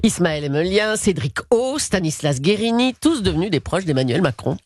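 A woman's voice: fairly low pitch, sing-song, normal speed, heavy background noise. A woman hosting a comedy radio show, bantering in an amused way. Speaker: radio host.

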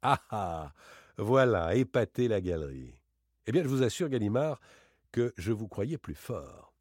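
A man voicing a playful, boastful gentleman thief in a dramatic audiobook reading, teasing and theatrical. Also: sing-song, measured pace, slightly rough, dry recording, clean studio sound, heavily acted. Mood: mocking, boastful. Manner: teasing, theatrical, swings between bright exclamations and low asides.

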